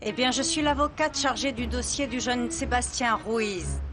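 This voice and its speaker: An actress playing a formal, businesslike lawyer. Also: female voice, on the high side, normal speed, over music, lightly acted. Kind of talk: dubbed telenovela acting.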